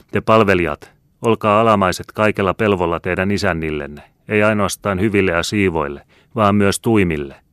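A man reading a novel aloud as an audiobook narrator, in measured scripted narration. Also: rumbling low, a bit bright, no echo. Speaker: audiobook reader.

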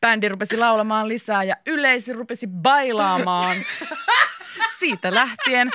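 A woman reading a children's story aloud in a lively, animated way. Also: on the high side, heavy background noise.

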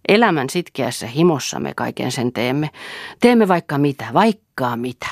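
A woman's voice: very deep voice, no echo, clean studio sound. A woman reading a bitter, weary young man. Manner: bitter, hard, sardonic. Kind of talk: audiobook character reading.

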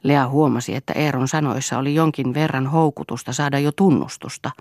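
A woman narrating a literary novel as an audiobook in a measured way, often dropping to a hushed, breathy tone. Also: very deep voice, steady tone, no echo, clean studio sound.

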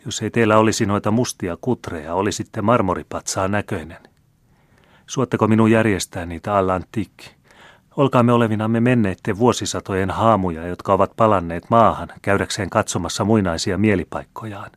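Teasing young french marquise, read by a man, playful, deep low voice lifted a little, dry close audiobook sound. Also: no room sound, natural voice.

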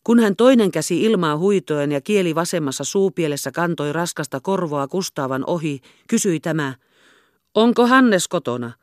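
A woman reading a classic novel aloud in a measured, expressive way. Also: sits low, dry recording, clean studio sound. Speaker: audiobook reader. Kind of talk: literary narration.

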